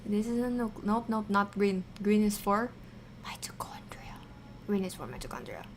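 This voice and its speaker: A woman hosting a casual livestream science lesson, thinking aloud haltingly and repeating key terms as she chats with viewers. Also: medium pitch, big pitch swings, background noise. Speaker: science streamer, virtual avatar host.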